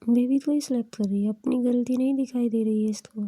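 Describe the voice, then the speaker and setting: A blunt, tomboyish young woman who is fiercely protective of her child, as a storyteller puts her on. The voice is husky and dark, and it stays close to the storyteller's own. It is recorded dry and close. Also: on the high side, steady tone, a little fast, no room sound, lightly acted, poor audio. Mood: angry. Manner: blunt and scolding, then anxious.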